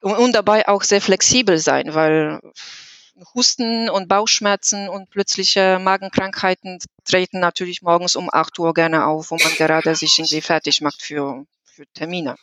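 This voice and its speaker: A Polish woman with a Polish accent appears as an employee guest on a podcast, talking hesitantly with lots of fillers and restarts. Her voice is lowish and fairly bright, with fairly even intonation and a moderate pace, and the dry recording sounds dull and lo-fi.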